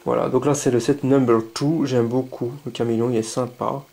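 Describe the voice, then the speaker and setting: A man casually unboxing paints, chatty and enthusiastic, thinking aloud and haltingly reading labels. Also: medium pitch, flat delivery, vocal fry, mellow. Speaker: scale model hobbyist.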